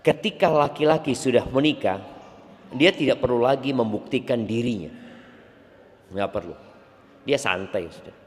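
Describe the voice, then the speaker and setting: A man's voice: mid-range voice, animated, moderate pace, long pauses. A man preaching an Islamic sermon to a congregation, teasing and acting out little quoted exchanges. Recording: long hall reverb.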